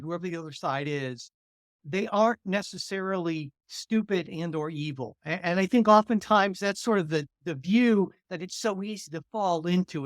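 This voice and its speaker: A man's voice: on the high side, no room sound, clean studio sound. A man who teaches political science and hosts a podcast, giving earnest, reflective interview answers, often repeating words as he thinks.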